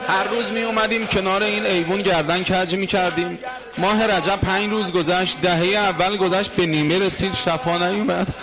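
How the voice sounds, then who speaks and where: A man preaching a sermon as a dramatic story, at times dropping to a hush or half singing. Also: sits high, fairly even intonation, over music. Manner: dramatic storyteller, drops to hushed tones and half-sung lines. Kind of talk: emotional religious storytelling sermon.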